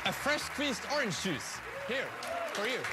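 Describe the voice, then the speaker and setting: A Swiss magician's very high, sing-song voice comes through at a measured pace over a noisy crowd and heavy background noise. He's performing scripted, dry comic stage patter for judges in a TV studio with a live audience and music.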